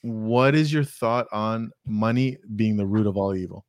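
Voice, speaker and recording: A man's voice: lowish voice, unhurried. A man co-hosting a podcast, chatting casually with a playful, teasing manner. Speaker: podcast co-host. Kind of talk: casual chat.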